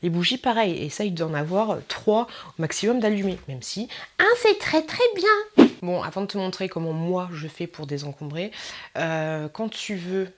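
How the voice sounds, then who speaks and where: A young woman, chatting casually to camera as a vlogger, laughing often and using slang. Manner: chatty, laughing, slangy, mimics people with sudden high voices.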